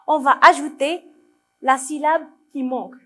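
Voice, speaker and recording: A woman with a Moroccan accent guides young children through a French reading lesson. She talks slowly and patiently, with a voice a little above the usual pitch, and says each word twice for her pupils. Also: steady tone, fairly bright tone. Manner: slow, patient, repeats words to her pupils. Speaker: primary school French teacher.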